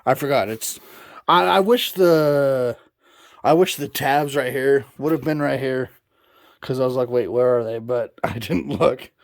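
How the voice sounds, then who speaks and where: A man's voice: medium pitch, a little slow, creaky, no room sound. A man hosting a toy review channel, giving a casual how-to demonstration at home, rambling with lots of "uh" fillers and self-corrections. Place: home recording studio. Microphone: camera mic, partly a GoPro.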